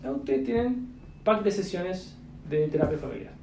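A man's voice: high voice, very animated, moderate pace, vocal fry, a little mellow, a little hiss or hum. A man with a Chilean accent, mentoring entrepreneurs in a casual chat full of slang, fillers and coaching asides. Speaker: business mentor. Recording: echoey room.

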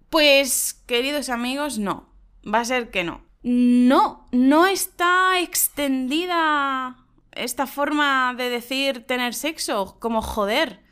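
A woman from Spain, co-hosting a lesson and explaining slang to learners in a lively, emphatic way. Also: fairly high pitch, smooth. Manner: lively, emphatic, laughs often. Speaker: Spanish teacher and co-host.

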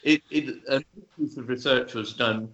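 A man speaking as a guest author, explaining ideas in measured talk with frequent pauses, fillers and restarts. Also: mid-range voice, fairly bright tone. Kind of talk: thoughtful explanatory interview talk. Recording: roomy, dull lo-fi sound.

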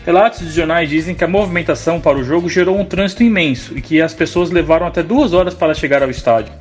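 A Brazilian man presenting a podcast segment as scripted history narration. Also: high-pitched.

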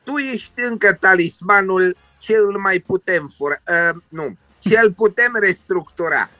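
A man's voice: high voice, bright, forceful tone, dry recording. A man doing comic impressions in a radio sketch, reciting mock-solemn poems as callers.

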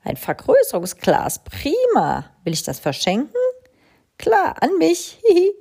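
A woman voicing a fussy, self-centered female crow who talks in an excitable, whiny and hurried way. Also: on the low side. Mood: eager.

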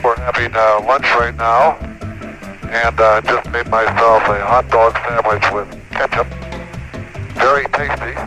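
A man's voice: mid-range voice, steady tone, a little slow, sharp tone, soft background music. A male astronaut making a transmission to the ground over a crackly, breaking-up space radio.

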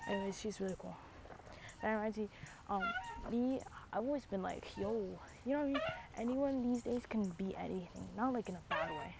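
A young woman chats casually on a stream in a mid-range voice, talking a little fast. She rambles with plenty of fillers and slang like "bro" and "dude," captured on a dull lo-fi mic with clear background noise.

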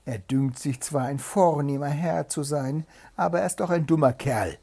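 A man's voice: fairly high pitch, normal speed, dark tone. A man voicing a crafty, stubborn hedgehog who is bossy and blunt, in a fairy tale reading. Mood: gruff. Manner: blunt, gruff and sly.

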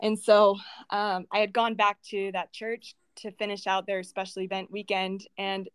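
A woman in a personal conversational interview, earnest and halting, telling her faith story at home with many restarts and fillers. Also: mid-range voice, level tone, clean tone, no echo. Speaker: guest sharing her faith testimony.

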